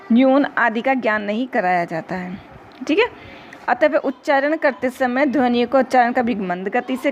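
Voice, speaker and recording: A woman teacher giving a recorded lecture to teacher trainees, explaining step by step and often checking in with her listeners. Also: a little high. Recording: dull lo-fi recording with faint noise.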